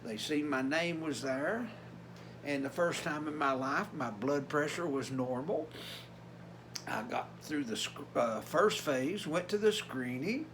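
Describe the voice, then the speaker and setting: High-voiced older man, Appalachian Tennessee accent. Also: unhurried, background noise. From Tennessee, USA. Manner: folksy, plainspoken. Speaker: vlogger. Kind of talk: casual vlog talk.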